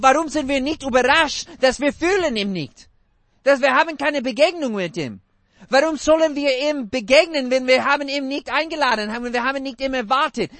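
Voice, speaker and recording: A man's voice: very high voice, fairly bright tone, no room sound. A man preaching a sermon in non-native German with broken grammar, emphatic and asking the congregation repeated questions.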